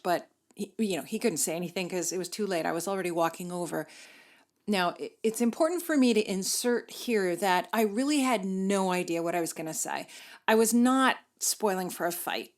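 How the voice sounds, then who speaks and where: Middle-aged woman host, chatty first-person storytelling, medium pitch. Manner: conversational, sprinkled with "like" and "you know". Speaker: podcast host.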